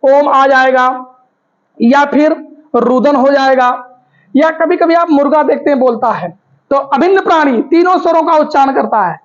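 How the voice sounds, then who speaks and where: A woman's voice: high voice, moderate pace. A woman teaching grammar, asking the class questions and answering them herself, repeating the key terms. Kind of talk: Hindi grammar lesson. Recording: dull lo-fi recording.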